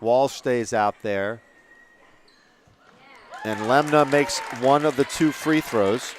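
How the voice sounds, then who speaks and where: A man doing play-by-play for a local school basketball game from a press box, chatty and quick to correct himself. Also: mid-range voice, a crowd in the background, noisy background. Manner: chatty, rambling asides, self-corrections. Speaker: play-by-play commentator. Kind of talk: local sports commentary.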